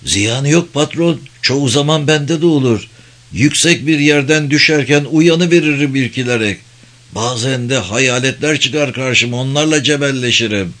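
A man's voice: medium pitch, normal speed, a bit bright, close to an everyday voice. A man doing a sleepy, curious sidekick. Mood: tired, curious. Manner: weary, drowsy questioning. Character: sleepy, curious male sidekick who calls the narrator boss.

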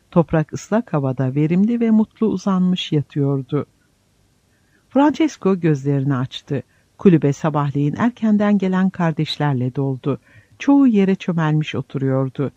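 Mellow solemn male audiobook narrator. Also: fairly high pitch, expressive, no echo. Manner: measured, solemn reading. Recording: slightly dull lo-fi recording.

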